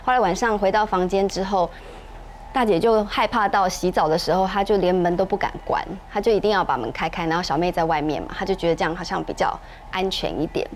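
A woman, co-hosting a podcast and telling a ghost story in a chatty, measured way with many fillers. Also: lowish voice, a little hiss or hum. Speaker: podcast co-host.

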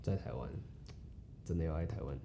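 A man's voice: very deep voice, fairly quick, slight background noise. A young man with a Taiwanese Mandarin accent, telling a story in a casual podcast chat as host. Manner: rambling, animated storyteller.

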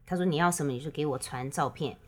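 A woman's voice: low-pitched, quick pace, a little mellow. A woman telling a story in casual chat, switching often between Mandarin and English.

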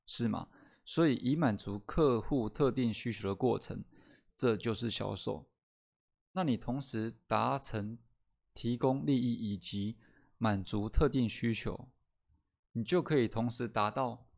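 A man hosting a podcast lesson, explaining step by step, often asking "right?" and slowing down to stress key words. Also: lowish voice, creaky, darkish tone. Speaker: host teaching sales skills. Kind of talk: solo podcast lesson with slides.

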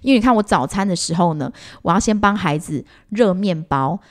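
A mother with a lowish voice and a fairly quick pace co-hosts a laid-back podcast chat. Animated as she tells family stories, she keeps restarting and filling pauses.

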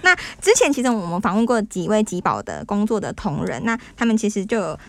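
A woman hosting a podcast interview, chatty and lively with quick affirmations, in Taiwanese Mandarin. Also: medium pitch. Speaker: host.

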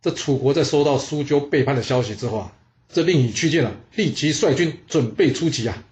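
Animated male storyteller, exclaiming. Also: fairly high pitch, brisk. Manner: animated, exclaiming, chatty asides. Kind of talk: lively historical storytelling.

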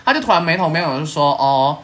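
Racing along in a low voice, a young Taiwanese Mandarin-accented woman hosts a chatty podcast. She tells stories with animation, bursts of laughter, and playful cursing.

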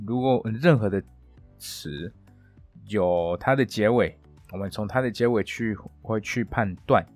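A man hosting a podcast Spanish lesson, who repeats words slowly and clearly and talks with small fillers and restarts. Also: fairly low pitch, a little mellow, no room sound. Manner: halting, with fillers and self-corrections. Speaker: Spanish teacher, podcast host.

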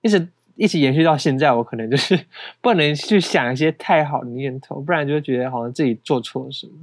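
A man's voice: medium pitch, fast, no echo. A young man with a Taiwanese Mandarin accent, co-hosting a podcast in casual, self-mocking chat. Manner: chatty, self-mocking, laughs often. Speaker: podcast co-host.

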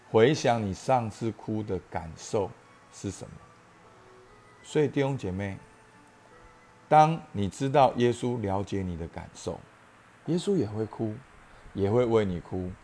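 A man's voice: on the low side, warm tone, slight background noise. A man, a pastor, giving a daily devotional sermon, earnest, asking his listeners direct questions and swelling into impassioned emphasis, then leading a prayer.

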